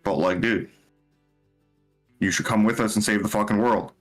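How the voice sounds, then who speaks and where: A man's voice: fairly low pitch, fairly even intonation, moderate pace, faint music behind. A man role-playing his character in a tabletop game, laid-back and persuasive with lots of swearing.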